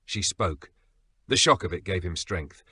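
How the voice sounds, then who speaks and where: Male storyteller, low and forceful, earnest suspenseful narration, dry close mic. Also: expressive, measured pace, husky, no echo. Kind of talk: scripted dramatic story narration.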